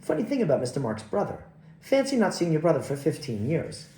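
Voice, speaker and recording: A man's voice: fairly high pitch, wildly swooping pitch, brisk, dark tone, roomy sound, a little hiss or hum. A man voicing a young parlour maid who chatters lightly and carelessly. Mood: chatty.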